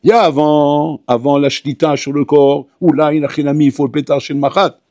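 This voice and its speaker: A man, a rabbi, teaching a lively Torah class to yeshiva students. He talks to them directly and acts out little dialogues. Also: on the high side, fairly quick, no room sound, studio quality. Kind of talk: animated Torah lesson. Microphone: audio recording of a class.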